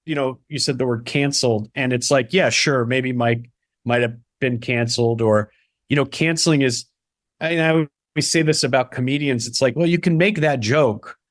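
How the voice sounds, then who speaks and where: A man from the Chicago area, a playwright and solo performer, chatting in an interview in a quick, animated way with lots of restarts. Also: mid-range voice, dry recording, studio quality. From Chicago area (Barrington). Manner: animated, quick, many restarts and "you know"s. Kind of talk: casual interview conversation.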